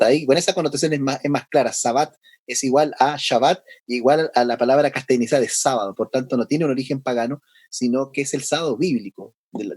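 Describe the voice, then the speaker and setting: A male pastor giving a conversational Bible lesson, often pausing for tag questions and restarting his sentences. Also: mid-range voice, darkish tone, dry recording. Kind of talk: sermon.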